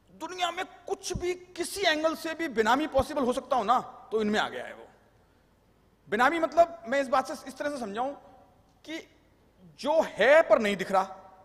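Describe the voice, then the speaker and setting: A man's voice: very high-pitched, a bit bright. A man giving a live lecture on tax law, explaining with jokes and anecdotes and mixing in English terms. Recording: long hall reverb.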